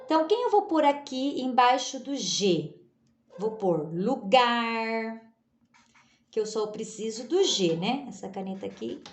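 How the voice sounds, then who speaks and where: A woman teacher giving a slow, patient spelling lesson, sounding out letters and often checking in with her listeners. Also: a little high, sing-song. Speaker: literacy teacher. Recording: echoey room.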